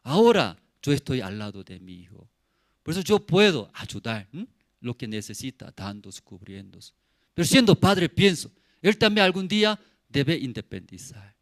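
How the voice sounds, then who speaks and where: A man's voice: a little high, no room sound. A middle-aged man preaching a sermon as pastor, in simple non-native phrasing, repeating words for emphasis and asking the congregation questions. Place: church service.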